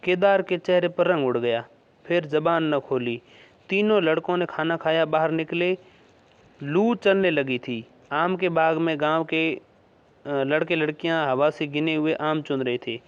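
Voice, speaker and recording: Give me a man reading a story aloud, higher voice, muffled recording. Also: clean tone. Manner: measured storytelling. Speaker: story reader. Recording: dull lo-fi recording.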